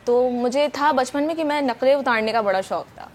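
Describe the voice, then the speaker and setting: A woman's voice: high-pitched, slight background noise. A young woman from Pakistan, a voice-over artist, chatting eagerly in a morning show interview with many fillers. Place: TV studio.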